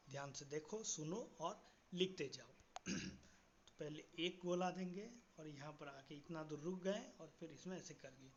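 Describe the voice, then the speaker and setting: A man teaches a writing lesson to students, asking quiz questions and slowing down to spell out each letter. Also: fairly high pitch. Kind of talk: classroom-style writing lesson. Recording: dull lo-fi audio with faint background hiss.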